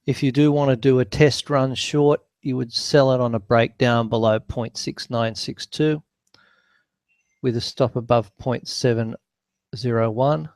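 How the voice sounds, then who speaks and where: Man dictating slowly, punctuation spoken aloud, creaky. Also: medium pitch, fairly even intonation, darkish tone, dry recording. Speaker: forex market analyst and webinar host. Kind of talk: live market commentary dictated as notes. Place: office, screen recording voice-over.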